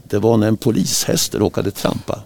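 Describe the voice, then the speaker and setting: A man co-hosting a casual radio chat show, speaking in a husky, gravelly voice and telling music trivia as a relaxed storyteller. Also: lowish voice. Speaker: radio co-host.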